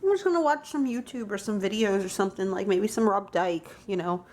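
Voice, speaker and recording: Woman vlogger, rambling and emotional, filler-heavy, mid pitch, echoey room, faint hum behind. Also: fairly quick, a little mellow. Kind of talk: casual vlog.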